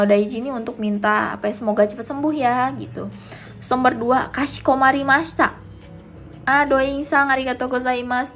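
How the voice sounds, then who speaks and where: A woman with a fairly high voice teaches a live-stream language lesson. She chats with her viewers and walks slowly through each answer. Faint music plays behind her. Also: gravelly, fairly bright tone. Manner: chatty, explains slowly, reads answers aloud to viewers.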